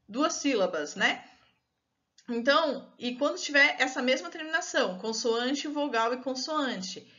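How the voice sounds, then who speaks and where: A woman's voice: a little high, bright, forceful tone. A woman with a Brazilian Portuguese accent, an English teacher patiently explaining a recorded online lesson step by step. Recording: dull lo-fi recording.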